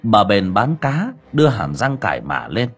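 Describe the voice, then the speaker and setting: A man narrating an audiobook in a dramatic, expressive way. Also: lowish voice, measured pace, breathy edge, soft background music. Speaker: storyteller.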